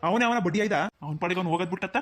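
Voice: medium pitch, very fast, a bit bright, close to an everyday voice. A voice actor doing a fretful village uncle. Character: worried village uncle, fatherly.

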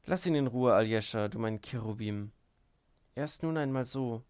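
A man's voice: mid-range voice, moderate pace, darkish tone, clean tone, close to an everyday voice. Gruschenka, a volatile young woman, read by a man. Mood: passionate.

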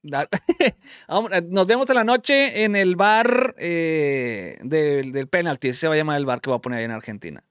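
A Mexican man hosting a live stream, calling followers and giving teasing, rapid play-by-play commentary. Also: a little high, animated, fairly bright tone, clear, resonant tone, no echo, clean studio sound. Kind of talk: lively live-stream phone game commentary.

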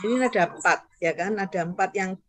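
A woman's voice: mid-range voice, fast talker. A woman teaching Hakka in an online class, patiently modeling tone syllables for learners to repeat and checking in with them often. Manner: keeps checking understanding with "ya".

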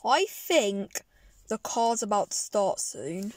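A woman's voice: big pitch swings, slow pace, no echo. A woman playing with plush toys in a moving car at night, talking playfully and giggling, recorded on a handheld phone. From England. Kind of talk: playful toy role-play vlog. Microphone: handheld phone camera. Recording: loud car road noise. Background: car engine and road rumble.

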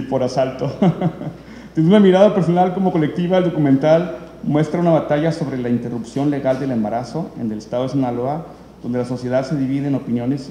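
This mellow, medium-pitched male voice belongs to an event host introducing documentaries. He speaks off the cuff and rambles, with lots of fillers and restarts, in an echoey hall with faint room noise.

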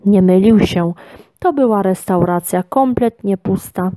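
A woman reading a children's storybook aloud in an expressive, measured way. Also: mid-range voice, no room sound. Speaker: reader.

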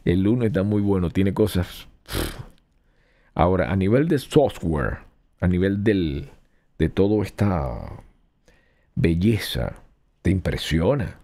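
A man's voice: low-pitched, lively intonation, takes it slowly, long pauses, mellow, dry recording. A man hosting a podcast, giving a casual, rambling hands-on review of a mixer and testing it aloud. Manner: rambling, chatty, tests gear aloud.

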